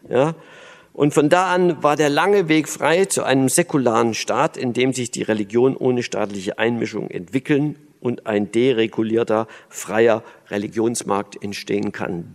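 Man from Berlin, lecture voice, halting with restarts, long hall echo. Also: mid-range voice. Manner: thoughtful, many fillers and restarts. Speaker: speaker on church and religion.

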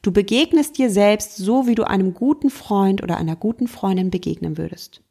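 A woman hosting a self-help podcast as a mindfulness coach, gently encouraging the listener and slowing down to stress key words, with playful mock outbursts. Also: medium pitch, breathy edge. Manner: gentle and encouraging, speaks straight to the listener, slows for emphasis.

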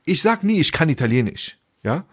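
Husky, slangy man telling a story. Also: a little high, a little fast, no room sound, studio quality. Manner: slangy, animated storyteller acting out dialogue. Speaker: podcast co-host. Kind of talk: casual chat, anecdote storytelling.

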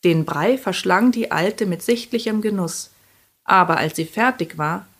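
A woman narrating a fairy tale in a calm, measured storybook reading. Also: on the low side.

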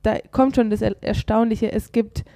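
A woman's voice: fairly high pitch, steady tone, moderate pace, mellow, dry recording, clean studio sound. Woman with a stuffy nose, chatting casually. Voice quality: congested, stuffy-nosed voice. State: has a head cold. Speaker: guest editor on a podcast. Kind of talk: casual podcast chat.

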